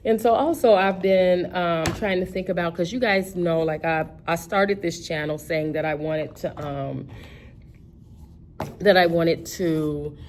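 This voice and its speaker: A woman's voice: lowish voice, steady tone, a little slow, a little hiss or hum. A woman chatting casually about her budget, rambling with many fillers and restarts. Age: 50s. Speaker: personal finance vlogger.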